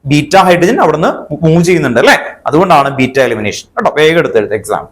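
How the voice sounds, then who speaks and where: A man teaching a chemistry lesson. He asks his students questions and then answers them himself, and he spells terms out slowly. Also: fairly high pitch, lively intonation, fairly bright tone. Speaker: chemistry tutor. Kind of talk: online exam-prep lesson.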